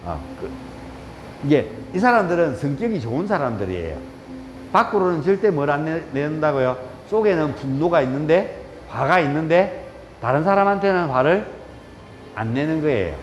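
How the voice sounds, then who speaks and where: A man leads a live yoga class, his voice sitting a little high. He chats, teases his students and counts through each pose aloud. The sound carries a long echo from the studio, with faint room ambience behind it. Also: very animated, moderate pace, dull audio, a little hiss or hum. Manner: chatty, teasing, counts poses aloud. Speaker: yoga instructor.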